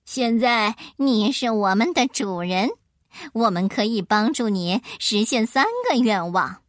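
A woman voicing a brisk, obedient winged monkey henchman in a children's storybook. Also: medium pitch, dry recording, clean studio sound, close to an everyday voice. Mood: businesslike.

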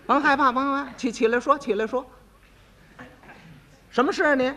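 A man voicing a sly male fortune-teller who puts on slow, self-important airs in a comic storytelling act. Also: very high-pitched, steady tone, bright, forceful tone, slight background noise, pitched above the performer's own voice, full character voice. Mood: smug.

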